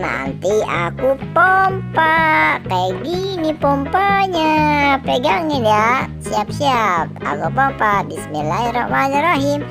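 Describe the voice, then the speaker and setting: A woman voicing a confident, cocky cartoon boy who keeps reassuring his friend, in a high childlike voice. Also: exaggerated voice. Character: cocky helpful boy with a pump. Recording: loud music under voice.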